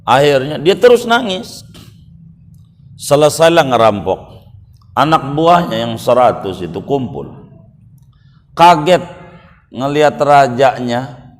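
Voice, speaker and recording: A male preacher telling a story in a mosque lecture, animated and acting out its characters. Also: mid-range voice, slow, pauses often. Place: mosque in Jakarta. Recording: long reverb of a mosque hall.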